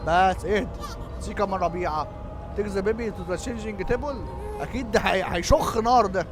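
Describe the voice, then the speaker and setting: A man with an Egyptian Arabic accent giving jokey, excitable commentary on a horror game, yelping when startled. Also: sits high, quick pace. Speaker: gaming YouTuber. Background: game music.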